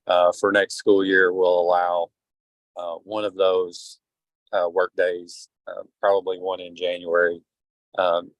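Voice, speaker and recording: A man calling in on a speakerphone while driving his car, briefing a school board as a district administrator in a halting, filler-heavy way. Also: sits low, dry recording, low-quality recording. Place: in a moving car.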